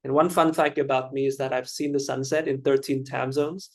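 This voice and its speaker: Chatty man moderating a webinar, flat. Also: mid-range voice, brisk. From Vietnam. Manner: chatty, self-deprecating, with frequent fillers. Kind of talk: hosting an online webinar. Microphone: video call.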